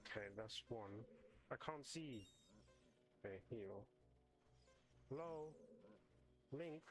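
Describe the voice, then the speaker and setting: A man's voice: fairly low pitch, slow, fairly bright tone. A man live-streaming a video game, chatting casually with his viewers while he fixes his setup and plays.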